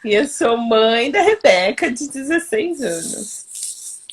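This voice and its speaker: A São Paulo woman in her forties joins a casual video call as a cheerful guest, introducing herself plainly. Her voice sits a touch higher than most women's. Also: sing-song, slow pace, slight background noise. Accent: São Paulo Brazilian Portuguese. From São Paulo, Brazil.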